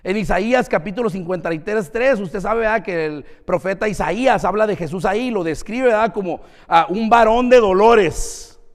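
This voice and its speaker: A man preaching a sermon as pastor, lively and engaging, often asking the congregation questions. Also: high-pitched, brisk, few pauses, big-room sound. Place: church.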